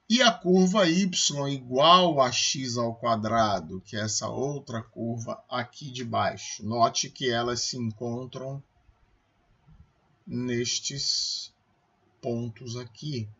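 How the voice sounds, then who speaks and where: A man's voice: mid-range voice, a bit bright, slightly rough, highs cut off. A man with a Brazilian Portuguese accent, a math professor giving a recorded calculus lecture, explaining step by step and checking with his students as he goes.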